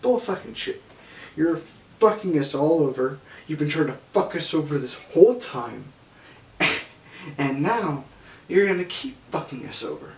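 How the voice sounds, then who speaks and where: A man's voice: a little high, very animated, measured pace, gravelly, exaggerated voice. A man voicing a furious armed farm boss who rants and swears accusations, in an echoey room away from the mic. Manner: angry accusing rant, swearing. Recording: echoey room, mic far off, faint hiss.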